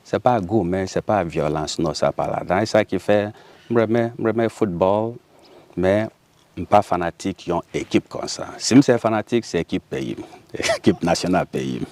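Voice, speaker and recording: A man from Haiti with a Haitian Creole accent, speaking as a guest in a casual interview, animated and laughing often. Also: sits low, moderate pace.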